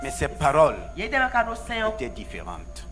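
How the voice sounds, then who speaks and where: Animated, high-voiced preaching man. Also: slow pace, music in the background. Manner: emphatic, repetitive preaching with rising calls. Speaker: pastor. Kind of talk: sermon with live interpretation. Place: church.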